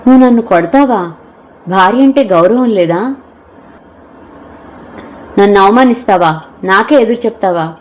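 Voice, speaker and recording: A woman's voice: medium pitch, animated, a little slow, long pauses, lightly acted. A woman voicing a suspicious, jealous young husband in an audio novel, with harsh, accusing delivery. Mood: angry, suspicious.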